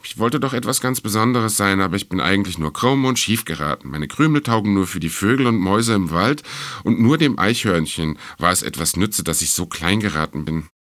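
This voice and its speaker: A man's voice: low voice, expressive, a little fast, a bit bright, dry recording. A man voicing a small, crooked cookie star in a storybook reading, sighing sadly. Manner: sighing, sad.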